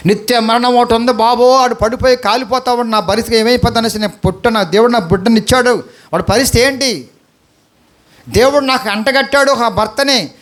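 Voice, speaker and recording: Speaking in a high, slightly bright voice, this Andhra Telugu-accented pastor delivers his sermon. He begs his listeners and throws question after question at them.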